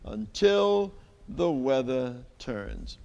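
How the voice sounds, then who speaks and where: A man voicing an eager, bossy little female yellow bird who plays teacher, chirpy and jumping up high in pitch. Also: big pitch swings, very slow, creaky, long reverb tail, lo-fi sound, full character voice.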